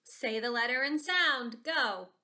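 A woman's voice: on the high side, takes it slowly, pushed and bright. A woman teacher leading a phonics lesson, talking simply and encouragingly as if to a small child. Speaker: kindergarten teacher.

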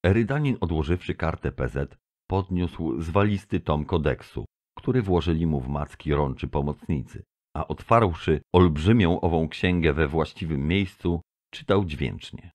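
A man narrating an audiobook with a deep, low voice. He tells the story in a measured first person. The reading is steady and scripted. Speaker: audiobook reader.

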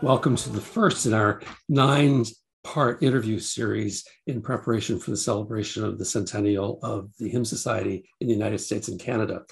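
Older man, interviewer, gravelly voice, video call from home study, enthusiastic, filler words. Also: fairly low pitch. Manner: enthusiastic, with frequent fillers and restarts.

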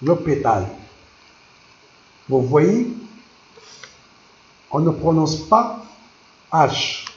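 A man teaching a vocabulary lesson, repeating each word slowly and explaining it, moving between languages. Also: a little high, sing-song, echoey room, muffled recording.

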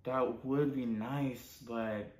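In his living room, a young American man who hosts a parody channel acts out a naive, awkward student, slangy and hesitant, in casual comedy roleplay. He talks extremely slowly at medium pitch with fairly even intonation and a slightly mellow quality, while soft music plays behind the roomy, echoey sound.

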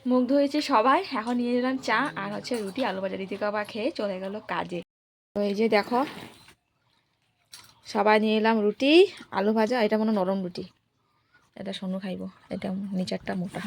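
A woman's voice: medium pitch, normal speed, pauses often, a little hiss or hum. A young woman chatting to her viewers as she shows her household chores in a village home, filming on a phone. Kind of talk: casual vlog talk to viewers. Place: village home, partly outdoors.

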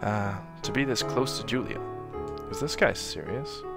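A man voicing Laguna, a goofy, excitable young soldier who stammers when flustered, in a fan dub of a game. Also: normal speed, vocal fry, over loud music. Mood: nervous. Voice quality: flustered, stammering, jumps in pitch.

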